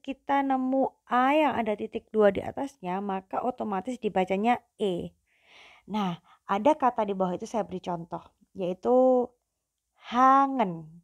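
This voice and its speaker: A young woman teaching German pronunciation in a slow, patient lesson, drawing out each sound. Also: medium pitch, darkish tone, no echo. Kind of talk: classroom-style video lesson.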